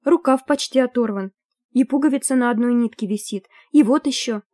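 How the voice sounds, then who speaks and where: Amelie, a high squealing timid girl, as a woman narrator puts her on. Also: fairly quick, darkish tone, dry recording, clean studio sound, lightly acted. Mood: complaining. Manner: plaintive, squealing. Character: timid naive fussy teenage girl.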